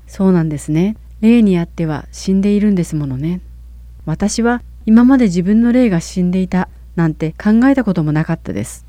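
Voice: medium pitch, expressive, fairly quick, dark tone, no room sound. A questioner in a Bible Q&A who agrees politely and reads scripture verses aloud carefully. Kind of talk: Bible Q&A conversation.

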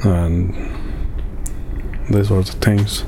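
A man from Afghanistan, giving halting personal testimony in an interview, with many pauses and restarts. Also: low-pitched, little pitch movement, noisy background. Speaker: interviewee, refugee in a camp.

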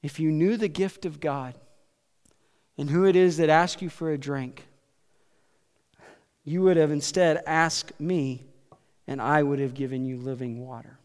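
A calm man speaking with quiet authority, his words measured and unhurried, read out by a preacher. The voice is fairly high and carries a long reverb from a large hall. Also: clear, resonant tone, close to an everyday voice. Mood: solemn.

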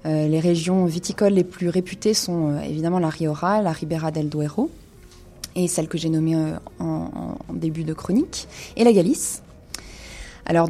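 A woman's voice: on the low side, dark tone. A woman presenting a weekly radio column on wine, speaking in a studio with frequent hesitations and fillers.

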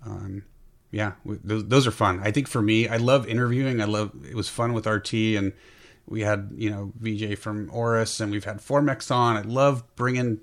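A man hosting a podcast in casual chat, halting and repeating words as he goes. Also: fairly low pitch, steady tone. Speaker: podcast host.

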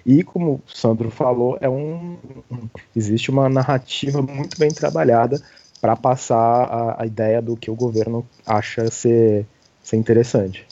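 A male radio host leading a discussion, explaining things in a measured way. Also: mid-range voice, fairly even intonation, mellow, highs cut off.

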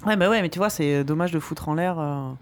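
A man in casual chat, opinionated and animated, who swears now and then. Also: fairly high pitch, fairly quick.

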